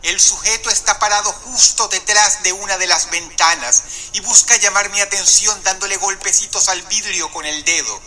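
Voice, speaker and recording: A man reading the lines of a frightened little boy calling an emergency line, in a quiet, trembling way. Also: high-pitched, normal speed, few pauses, faint music behind. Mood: scared.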